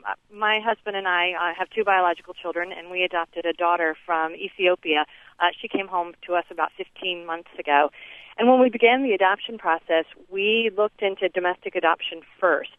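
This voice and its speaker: A woman's voice: fairly low pitch, fairly quick, dry recording. A woman calling in to a radio show over the phone, speaking earnestly with many ums and uhs. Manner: earnest, lots of um and uh fillers. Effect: phone line call into a radio show. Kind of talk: call-in talk on a radio show. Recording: tinny dry phone line.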